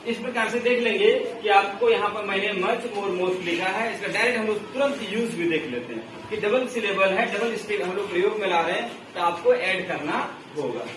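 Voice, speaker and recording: Male teacher, slow drill-style delivery; heard far off in a noisy, echoey room. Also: high voice, expressive. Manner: slow, drawn-out recitation with repeated drills. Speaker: English teacher. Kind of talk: classroom grammar lesson.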